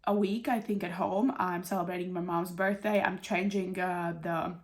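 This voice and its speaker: This woman from Europe runs a budgeting channel and is explaining things in a casual vlog, though she is sick with a cold and a runny nose. Her lowish voice stays steady at a moderate pace, thick and nasal from congestion.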